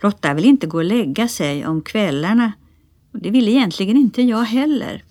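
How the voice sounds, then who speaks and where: A woman narrating a children's storybook in lively first-person voice, as one of the children. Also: mid-range voice, no room sound, studio quality. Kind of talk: storybook reading.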